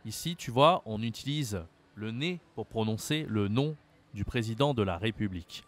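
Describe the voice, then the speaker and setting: Here a man from France teaches French at a normal speed, his voice lowish and animated. The lesson is slow and precisely articulated, and he patiently repeats words and spells them letter by letter.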